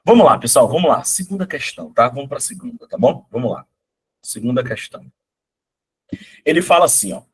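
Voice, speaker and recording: With a little hiss or hum in the background, a husky middle-aged man hoarse from a cold leads a live online math exam-prep session. His mid-range voice swings widely in pitch, moves a little fast and pauses often, and he chats, coaxes and regularly checks on his students.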